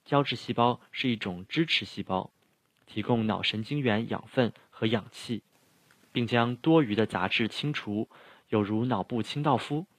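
A man's voice: medium pitch, moderate pace, no echo. A middle-aged man preaching, earnestly explaining things and speaking straight to his listeners. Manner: earnest, explanatory, addresses the audience directly. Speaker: pastor. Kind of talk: sermon teaching.

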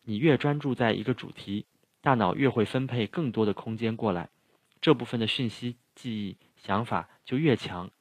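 A middle-aged pastor's medium-pitched voice moves at normal speed on a dry recording. He gives sermon teaching, earnestly explaining and speaking directly to the audience.

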